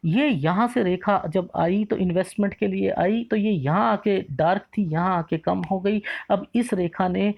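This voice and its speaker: A man teaching palm reading, explaining the lines in a lively, repetitive way and asking himself rhetorical questions. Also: high-pitched, a little slow, gravelly, few pauses, lo-fi sound. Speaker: palmist teacher.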